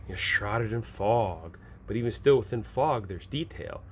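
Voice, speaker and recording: This man's voice is fairly low and unhurried, with a little hiss or hum on the recording. He hosts a tabletop game advice show, chatting casually and with zeal, improvising scene descriptions in folksy speech and acting out examples with animation.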